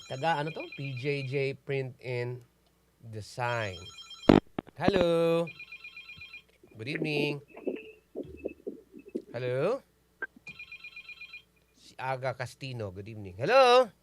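A man's voice: medium pitch, big pitch swings, slow, pauses often, very noisy. A man hosting a call-in radio show, teasing callers and laughing often. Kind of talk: playful call-in radio banter. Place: radio studio.

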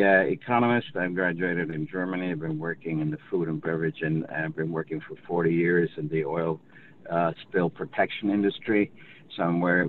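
Older man on a phone line. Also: low voice. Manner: explains at length, with many restarts. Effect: heard over the phone. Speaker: industry representative in a webinar. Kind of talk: unscripted webinar discussion. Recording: tinny phone line, faint noise.

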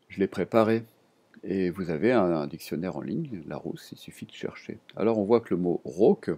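Male teacher, relaxed and hesitant delivery, deep mellow voice; desk recording. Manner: relaxed, hesitant, with many fillers and restarts. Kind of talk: explaining vocabulary to students.

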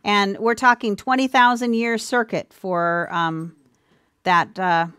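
A woman's voice: medium pitch, fairly even intonation, takes it slowly, fairly bright tone, smooth, no echo, clean studio sound. Earnest woman teaching a Bible lesson. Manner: earnest, addresses listeners as dear ones, some fillers and restarts. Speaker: presenter of a church teaching. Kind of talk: sermon-style Bible teaching with slides.

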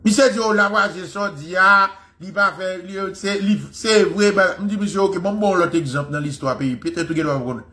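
A man's voice: sits high, normal speed, few pauses, sharp tone. A man giving an impassioned history lecture, fervent and repeating phrases for emphasis.

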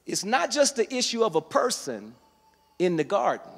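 A man's voice: high voice, big pitch swings, normal speed, gravelly, husky. Man preaching in a reverberant hall. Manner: teaching verse by verse, builds to loud emphatic passages. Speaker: guest preacher. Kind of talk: sermon. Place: church sanctuary.

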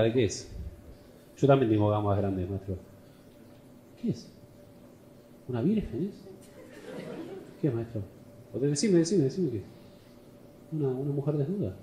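A man's voice: mid-range voice, expressive, moderate pace, pauses often, background noise. A man with a Rioplatense accent, a stand-up comedian teasing the crowd and chatting in his vlog. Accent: Rioplatense Spanish. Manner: teasing, joking, laughing often. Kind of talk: crowd work and casual vlog chat.

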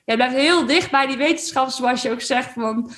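Woman, from the Netherlands, podcast host, chatty, word-searching, slightly high voice. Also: moderate pace, a bit bright. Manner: chatty, searching for words, laughs easily. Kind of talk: casual interview.

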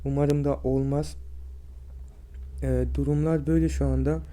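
Give me a sick, drained man in his twenties vlogging about his health, with a very dark, muffled tone and a weak, strained, halting voice. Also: medium pitch, little pitch movement. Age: 20s. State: sick and drained with fever and aches. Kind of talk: personal health vlog, speaking to viewers.

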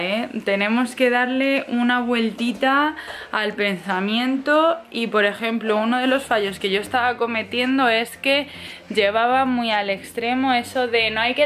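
A young woman from Spain, a mother chatting casually in a vlog, with frequent laughs and soft asides to her baby. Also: on the high side, a little hiss or hum. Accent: Spain Spanish. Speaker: vlogger mother.

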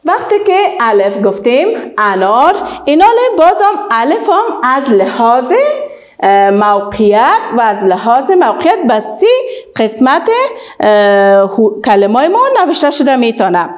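This woman, who has an Afghan Dari accent, guides young children through the alphabet, elongating model words and praising them often in a sing-song way. She sounds on the high side, with big pitch swings.

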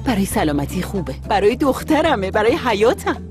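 A woman's voice: mid-range voice, very animated, over music, lightly acted. A middle-aged woman dubbing a fussy, caring mother who nags and fusses over her daughter. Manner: bossy, nagging. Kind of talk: Persian dub of a TV series.

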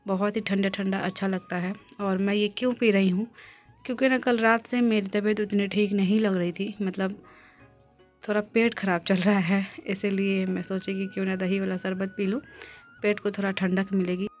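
A woman's voice: medium pitch, flat delivery, normal speed, darkish tone, faint music behind. A young woman, chatting casually as she walks around her home for her vlog. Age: young adult. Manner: chatty, walking and showing around the house. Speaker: vlogger.

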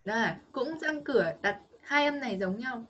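A woman with a Vietnamese accent gives a child an online English pronunciation lesson, patiently coaching and modelling sounds again and again. Her voice is a little high, animated and a bit bright with a husky edge, at a moderate pace. The recording is lo-fi.

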